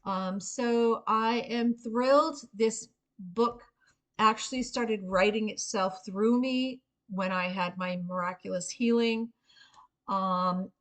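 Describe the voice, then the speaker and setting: Middle-aged woman, mid-pitched and unhurried, earnest informal storyteller pitching to camera with frequent pauses. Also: a bit bright. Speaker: Reiki practitioner and memoir author pitching a book. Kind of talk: informal spoken video pitch, personal storytelling.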